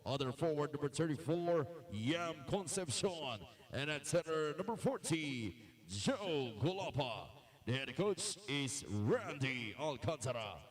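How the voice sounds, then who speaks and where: Slow, measured arena announcer. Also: male voice, a little high, sing-song. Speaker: game announcer.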